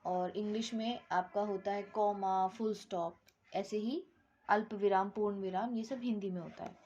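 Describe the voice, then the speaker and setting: A woman's voice: mid-range voice, steady tone, normal speed, a little mellow, dull audio. A woman teaching a Hindi grammar lesson, explaining step by step, mixing English words into her Hindi and checking with "ठीक".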